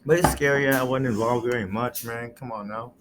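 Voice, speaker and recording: A man's voice: mid-range voice, fairly even intonation, fairly quick, noisy background. A man reviewing and reacting to a comic episode in loose, slangy commentary with rambling asides.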